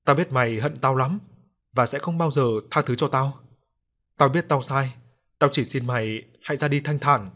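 A man's voice: medium pitch, normal speed, fairly bright tone, natural voice. A man voicing a guilty young woman praying in remorse. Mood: remorseful.

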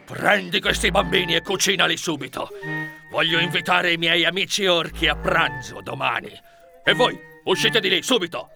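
Gravelly greedy ogre, as a man puts him on. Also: a little high, moderate pace. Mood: furious. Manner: menacing, growling threats. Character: greedy cruel male ogre, huge and gruff. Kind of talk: storybook reading. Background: background music.

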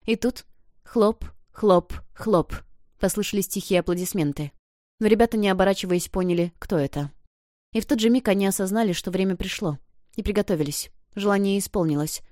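A woman narrating an audiobook in an expressive, emotional reading. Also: mid-range voice, fast talker, no echo, studio quality. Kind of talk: scripted narration.

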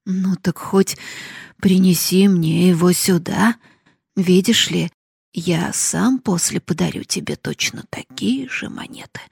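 A woman voicing a miserly old male cooper who coaxes his daughter in whispers and then bellows at her about his gold, read as an audiobook with a slow, husky, gravelly voice. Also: high-pitched, no room sound, clean studio sound, exaggerated voice. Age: older. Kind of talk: audiobook reading.

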